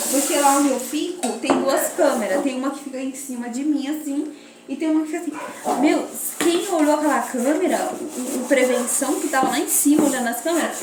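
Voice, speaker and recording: A young Brazilian woman chatting casually to viewers while she washes dishes, rambling in a lively storytelling way. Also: high voice, heavy background noise. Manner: chatty and rambling, addresses viewers as "gente" and "menina". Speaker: vlogger. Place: home kitchen while washing dishes. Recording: echoey kitchen, clattering dishes and sizzling. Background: dishes clinking and frying.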